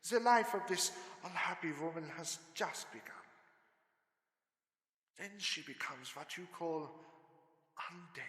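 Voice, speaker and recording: A man acts out a grave old vampire-hunting professor in a radio horror play. The voice is a little high, bright and forceful, delivering each solemn pronouncement slowly in a long, hall-like reverb. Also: heavily acted. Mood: grave, urgent. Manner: solemn, deliberate, oratorical. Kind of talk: old-time radio horror drama acting.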